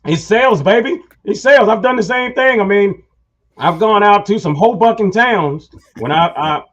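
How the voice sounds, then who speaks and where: A talk show host chats casually, spinning rambling stories and addressing his listeners as y'all. His voice sits high and is a bit bright, at a normal speed, on a dull lo-fi recording.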